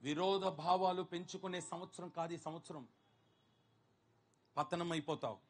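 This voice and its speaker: A man's voice: a little high, fairly even intonation, moderate pace. A man preaching in church, calling on the congregation to answer back and acting out Bible stories in little voices. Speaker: pastor. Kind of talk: sermon. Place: church hall.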